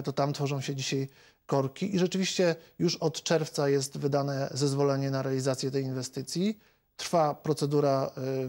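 A man in his forties, a member of parliament, answering questions in a TV studio interview in a measured, hesitant way with many filler sounds. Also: medium pitch, a little mellow. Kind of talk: televised political interview. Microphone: lapel mic.

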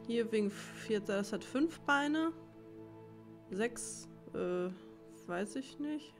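A let's player and channel host gives casual commentary over game music, thinking aloud and muttering to herself in a puzzled way as she works things out. Her voice is fairly high, expressive, and very slow.

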